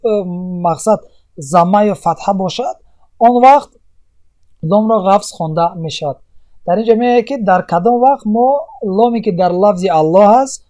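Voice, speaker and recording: A man patiently explaining Quran recitation rules in a lesson, repeating points with many pauses. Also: high voice, mellow. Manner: patient, repetitive teaching with many pauses and fillers.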